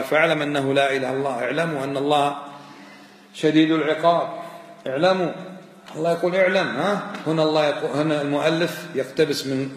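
Brisk man teaching, hall echo. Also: a little high. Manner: lively and emphatic, chants quoted verses. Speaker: religious teacher. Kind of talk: religious lesson explaining a text. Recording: echoey hall with long reverb.

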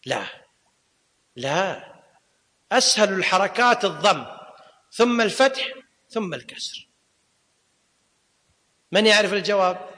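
A man's voice: sits high, lively intonation, a little slow, pauses often, bright, forceful tone. A man teaching a class, quizzing his students and repeating key points. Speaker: teacher of Islamic law and grammar. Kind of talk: classroom lecture. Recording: long reverb of a lecture hall.

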